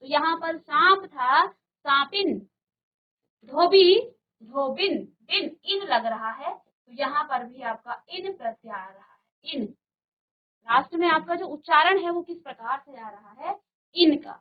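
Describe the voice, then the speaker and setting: A woman teaching a grammar lesson to a virtual class, slowly and patiently, repeating word pairs and asking the class questions. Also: high voice, animated, narrow, tinny audio. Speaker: Hindi teacher. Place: studio.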